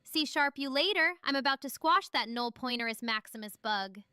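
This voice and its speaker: A woman's synthetic voice playing a cheerful AI chat assistant that reads out playful replies in a smooth, even delivery. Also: high voice, moderate pace. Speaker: AI chatbot on a stream.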